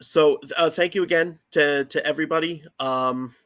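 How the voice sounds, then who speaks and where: A man co-hosting a paranormal podcast, signing off in a halting, casual way with many restarts. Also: a little high, steady tone, a bit bright. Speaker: podcast co-host. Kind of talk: casual show sign-off.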